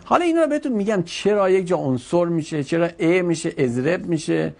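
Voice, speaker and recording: A male teacher with a slightly raised, gravelly voice runs a grammar lesson in a classroom. He fires quick questions at his students and corrects them firmly. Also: high voice, expressive, a little mellow. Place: classroom with a board.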